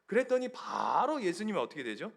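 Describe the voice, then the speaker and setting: Pastor guy preaching, high voice that swings all over, keeps asking the congregation stuff. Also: fairly quick, vocal fry, slightly rough. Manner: animated, questions the congregation. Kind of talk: sermon.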